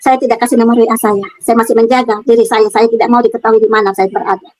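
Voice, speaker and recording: A middle-aged woman giving a personal religious testimony in her own room, earnest and halting, repeating words and reaching for fillers. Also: on the high side, flat delivery, darkish tone, no echo, rough recording.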